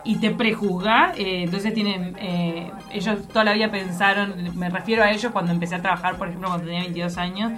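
A woman radio host with a posh, nasal Montevideo accent talks casually in a studio, with music playing behind her. Her pitch sits in the everyday middle range and her delivery is conversational and upper-class in tone. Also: steady tone, fast talker, few pauses. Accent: posh Montevideo Uruguayan. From Montevideo, Uruguay.

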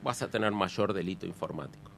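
A man with a Uruguayan Spanish accent gives a long, explanatory interview answer in a middle-pitched voice. He stops and restarts his sentences often. A faint hum sits under the recording. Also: fast talker, gravelly, fairly bright tone.

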